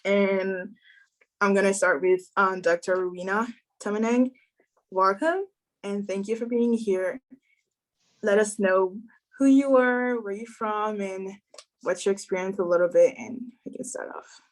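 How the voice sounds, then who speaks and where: A woman's voice: medium pitch, measured pace. Young woman hosting a student panel. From Democratic Republic of Congo. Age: young adult. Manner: earnest, welcoming, steady delivery with some fillers. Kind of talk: formal welcome speech.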